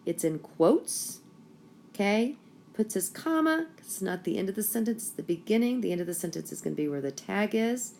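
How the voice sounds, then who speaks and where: A woman's voice: medium pitch, lively intonation, normal speed, creaky, darkish tone, a little hiss or hum. A woman schoolteacher explaining a writing lesson to her class step by step. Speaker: school teacher.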